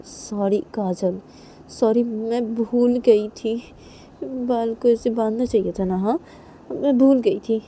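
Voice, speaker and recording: A woman's voice: a little high, fairly even intonation, fast, hardly any pauses, warm tone, a little hiss or hum, pitched above the performer's own voice, close to an everyday voice. A woman voicing Reshma, a meek young woman who keeps apologising and pleading. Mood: pleading apologetic.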